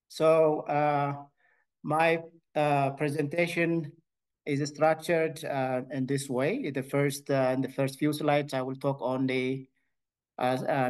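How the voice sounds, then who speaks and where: An Ethiopian man with an Ethiopian accent presents his research at a conference, often pausing with filled pauses and restarting sentences. His voice is mid-range and a little mellow.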